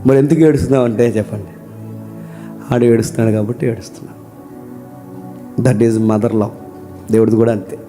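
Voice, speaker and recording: A man preaching a sermon, asking rhetorical questions and calling on his listeners to answer, moving between loud emphatic lines and quiet low ones. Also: fairly even intonation, brisk, long pauses, soft background music. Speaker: pastor.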